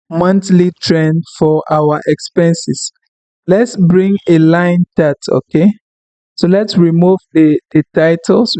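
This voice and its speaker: In this screen-recorded software tutorial, the instructor is a man whose native language is French. He has a fairly high pitch and speaks in a leisurely, apologetic way, filling pauses as he thinks out loud. The sound has no echo.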